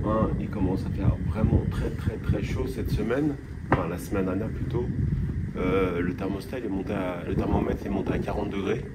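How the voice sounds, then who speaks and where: French male vlogger, low register, loose chatty delivery, outdoors with loud noise. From France. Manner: easygoing, chatty, many hesitations. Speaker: vlogger planting a tropical garden. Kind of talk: casual outdoor vlog talk. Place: outdoor plantation on a hot day.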